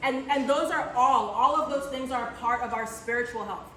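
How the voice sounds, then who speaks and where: With a fairly bright, highish voice at normal speed, a woman in her thirties from Barbados delivers an earnest church talk in the Caribbean. She restarts phrases and questions the audience, and the recording is echoey and distant, with faint noise.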